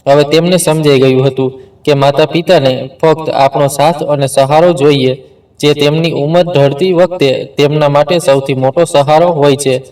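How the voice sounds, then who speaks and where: A man narrating an emotional story in a steady, earnest way. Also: fairly high pitch, moderate pace, distant mic, poor audio.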